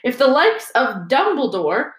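A dry, reedy old professor's voice, lecturing in a flat, dismissive way and getting impatient with questions, as a woman reads the part. The voice sits fairly high, and the room is echoey. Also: measured pace. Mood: irritated. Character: old male ghost history teacher, dry and dismissive.

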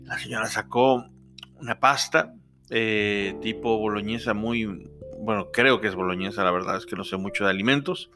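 A young Mexican man with a Mexican accent, telling a personal travel story in a relaxed, chatty way with many fillers. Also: lowish voice, normal speed, music in the background. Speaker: podcast storyteller. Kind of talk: first-person travel anecdote.

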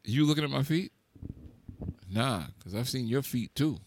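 A young adult man hosting a casual chat, teasing his co-hosts in an animated, slangy, profane way. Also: mid-range voice, normal speed, a little hiss or hum. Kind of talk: casual banter.

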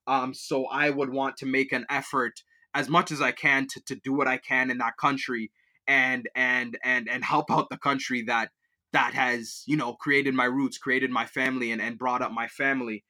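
Speaking at a moderate pace with a level, sharp tone, this young Liberian man, who grew up in Kenya and Canada, is a student guest. His mid-range answers to interview questions wander, full of fillers and restarts.

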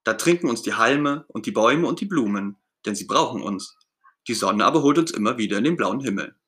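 Fine-voiced timid cloud lamb, sad and lost, storybook animal, man doing the voice, bright tone. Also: mid-range voice, lively intonation, fairly quick, natural voice. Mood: wistful.

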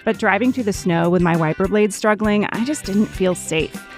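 A woman's voice: mid-range voice, normal speed, soft background music, lightly acted. A woman playing a grateful nurse telling a customer story in a radio commercial. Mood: earnest storytelling.

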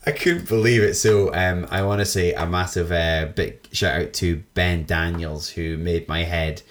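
A man co-hosting a podcast, telling stories in a chatty, excitable way and laughing often. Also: low-pitched, unhurried, slight background noise. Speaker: podcast co-host. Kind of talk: casual chat.

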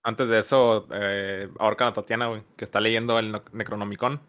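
A man's voice: on the low side, flat delivery, a bit bright. A man, a podcast co-host, adding slangy remarks in casual movie chat. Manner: slangy, quick interjections.

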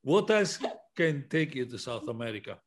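Man, podcast host, mid-pitched voice, rambling questions, repeated restarts. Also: very animated, moderate pace. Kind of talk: casual interview chat.

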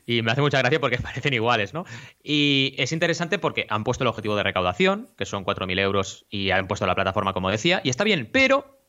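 A man co-hosting a casual podcast chat, explaining news in a quick, animated way. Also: medium pitch, dull audio. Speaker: podcast co-host; teacher.

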